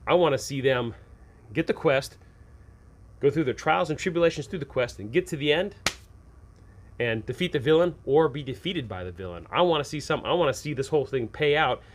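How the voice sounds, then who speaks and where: A man with a medium-pitched voice hosts a casual advice video for game masters, with a faint hiss or hum behind him. He speaks conversationally and emphatically to viewers about running tabletop games, often repeating his points.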